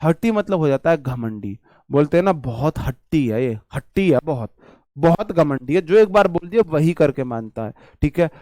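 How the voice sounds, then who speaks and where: Brisk Hindi-speaking teacher, dry close sound. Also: male voice, fairly high pitch, animated, mellow, dry recording. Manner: explains with repetition and memory tricks, addresses viewers as brother. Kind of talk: online vocabulary class.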